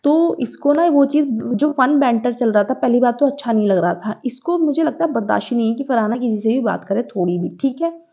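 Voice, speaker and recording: A woman's voice: a little high, a little fast. A woman giving a chatty, opinionated recap of a reality show, judging the people in it as she tells the story. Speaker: TV gossip commentator. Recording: dull lo-fi recording.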